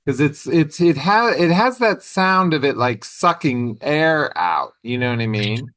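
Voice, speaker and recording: A man's voice: a little high, expressive, a little slow, fairly bright tone. A man hosting an interview, asking curious, musing questions about a film's sound and score. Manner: curious, speculative questions with brief backchannels. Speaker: interviewer, magazine host. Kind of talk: casual interview.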